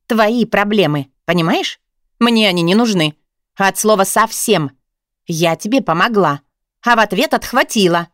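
A woman's voice: medium pitch, normal speed, no room sound, studio quality, lightly acted. A woman voicing a blunt, grudging young woman, a weary dispatcher, who drags out her reproachful words.

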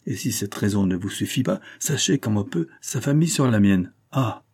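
Haughty noble ironmaster, read by a man, formal and proud, warm low tone. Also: lively intonation, moderate pace, husky.

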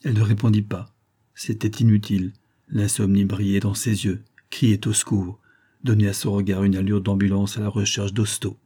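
Brief: male narrator, low husky voice, measured wry reading of a novel. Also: flat delivery, warm tone. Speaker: audiobook narrator. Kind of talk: first-person novel reading.

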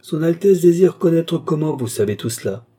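Male narrator as a phlegmatic count who commands, husky, dark tone. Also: medium pitch, moderate pace, lightly acted. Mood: cool commanding. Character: cool, domineering male count, mesmerist. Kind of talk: audiobook character reading.

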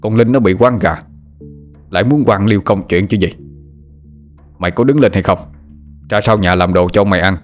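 A man voicing an impatient middle-aged rural landowner with a Southern Vietnamese accent, gruff and grumbling. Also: on the low side, moderate pace, pauses often, soft background music, lightly acted. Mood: irritated.

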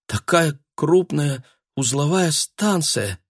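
A man voicing a bewildered young woman who speaks softly and haltingly, in an audiobook. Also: a little high, animated, husky, dry recording, studio quality, voice pushed up, full character voice. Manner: soft, halting.

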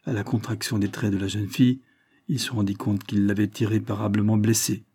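A man's voice: fairly low pitch, flat delivery, brisk, mellow, slightly rough, dry recording, studio quality. A man reading a novel aloud with theatrical, emphatic phrasing. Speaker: audiobook reader. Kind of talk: expressive novel narration.

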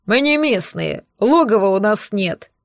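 A woman's voice: medium pitch, animated, a little slow, no echo, studio quality. A woman voicing a crude, threatening male bandit who drawls and jeers. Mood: gruff.

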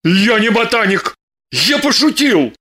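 A woman voicing an excitable, suspicious man with agitated exclamations. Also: a little high, a little slow, exaggerated voice. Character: excitable, suspicious young-ish man, her lover.

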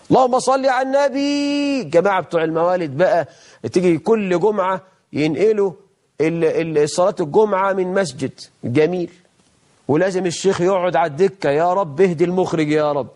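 A middle-aged man with an Egyptian accent hosting a religious TV lesson, talking in lively colloquial speech, slowing down to recite verses solemnly. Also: sits high. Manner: lively, mock-imitates people, then slows for solemn recitation. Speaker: TV religious program host, sheikh.

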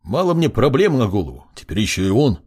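A man's voice: medium pitch, big pitch swings, fast talker, darkish tone, slightly rough. A man voicing a crippled male investigator who grumbles and defends himself indignantly in an audiobook. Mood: grumbling.

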